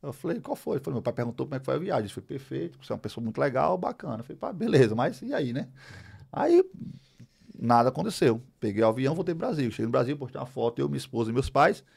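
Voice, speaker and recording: A middle-aged Brazilian man telling a personal story as a podcast guest, animated, acting out the dialogue as he goes. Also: mid-range voice, rapid-fire, gravelly, breathy edge. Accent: Brazilian Portuguese. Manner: animated, acts out dialogue, many fillers. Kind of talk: storytelling in a casual interview.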